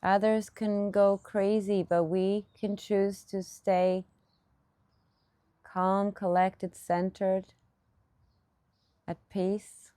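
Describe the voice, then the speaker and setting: Leading a guided meditation, this female teacher offers soft instruction in short, slow phrases, leaving pauses between each. She keeps a level tone at a medium pitch, captured in a dry recording.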